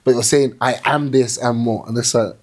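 A man's voice: medium pitch, moderate pace. Reflective young man, podcast guest. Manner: reflective, animated storytelling with restarts. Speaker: plus-size model, podcast guest. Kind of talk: casual interview chat. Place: small indoor studio with sofa.

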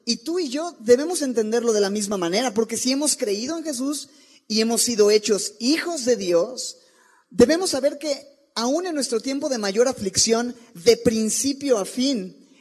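A man's voice: very high voice, expressive, normal speed. A man, preaching a sermon in a church and asking his listeners many rhetorical questions. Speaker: pastor. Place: church sanctuary.

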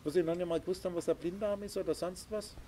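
Speaking fast in a high, dark-toned voice with fairly even intonation, a man lectures a small group as their spiritual teacher. He is emphatic and insistent, uses sound effects, and faint noise sits behind him.

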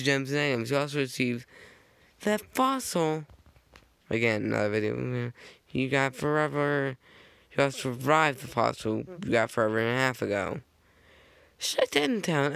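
Speaking close to the mic with no echo, a man narrates a fan-made slideshow in a mid-range, gravelly voice that is fairly bright, clear, and resonant. He rambles casually, tossing in jokey asides and correcting himself often.

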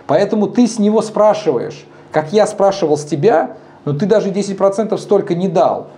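A man's voice: sits high, fairly quick. A man in his thirties, a bar co-founder, talking frankly and animatedly as an interview guest in a dim bar. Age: 30s. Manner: animated, gesturing, frank and blunt. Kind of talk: casual interview talk.

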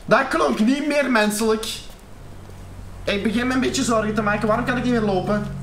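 A Flemish-accented man gives horror game let's-play commentary, loud, swearing and jumpy. His voice sits very high and reaches a distant mic in an echoey room, with clear noise underneath. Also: fairly quick. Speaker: gaming YouTuber. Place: room at home, wearing a VR headset.

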